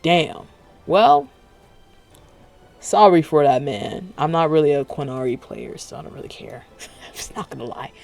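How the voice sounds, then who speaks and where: Guy streaming at 3am with retainers in, kinda high gravelly voice, rambly and swears a lot. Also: expressive, a little slow, pauses often, a little mellow, soft background music. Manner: rambling, profane, self-interrupting. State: talking with retainers in; tired, late at night. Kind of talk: casual reaction commentary.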